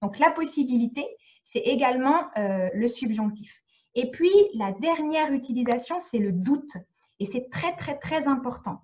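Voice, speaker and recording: A woman's voice: sits high, animated, moderate pace, darkish tone, dull audio. A woman from France teaching French in a live online lesson, explaining patiently and checking often that students follow. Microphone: video call.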